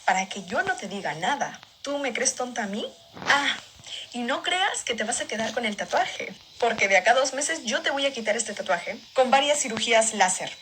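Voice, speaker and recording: A woman voicing a furious strict mother who scolds in a low, slow, menacing way, over background noise. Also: lively intonation, a bit bright. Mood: cold fury.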